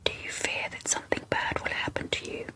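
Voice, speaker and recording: A woman doing a whispered role-play in a soft, unvoiced ASMR whisper, speaking slowly and deliberately. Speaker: ASMR video creator.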